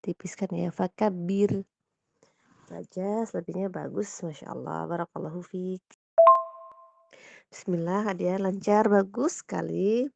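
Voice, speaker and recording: Lady tutor giving recitation feedback, low gravelly voice, dull phone voice note. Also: no echo. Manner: gentle corrections, slowly modeling Arabic sounds. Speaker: Quran recitation teacher.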